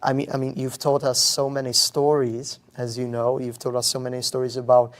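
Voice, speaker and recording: A young man from the Czech Republic, a native Czech speaker, answers interview questions in a steady, flat tone. He searches for words, repeating and restarting phrases as he thinks aloud. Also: mid-range voice, brisk. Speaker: guest, museum visitor. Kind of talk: casual interview.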